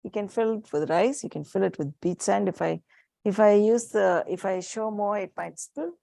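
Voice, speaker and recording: A woman's voice: mid-range voice, moderate pace, vocal fry, dry recording. A woman psychiatrist with an Indian accent, giving a practical workshop to parents and showing objects as she explains. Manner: warm, practical, demonstrating objects. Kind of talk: live workshop talk to room and Zoom.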